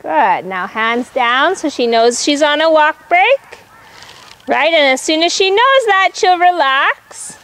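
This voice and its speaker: Very high-pitched woman calling brisk riding commands. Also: expressive, a bit bright. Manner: encouraging, firm, repeats short instructions. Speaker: horse riding instructor. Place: riding arena.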